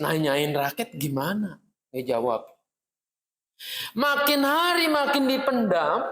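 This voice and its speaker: A man giving a devotional, telling a story lively and acting out the dialogue of the characters. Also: sits high. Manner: animated storyteller, acts out dialogue. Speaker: preacher. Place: church hall. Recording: echoey hall, long reverb.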